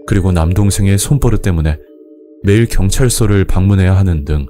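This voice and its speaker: Really low dark-voiced guy reading a scripted scary story, faint music under it. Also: a little fast. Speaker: horror story narrator. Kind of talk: scripted first-person story narration.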